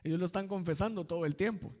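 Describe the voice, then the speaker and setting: A man's voice: sits high, quick pace, dark tone, big-room sound. A man, an assistant pastor, preaching a sermon in a conversational way and weaving in personal stories.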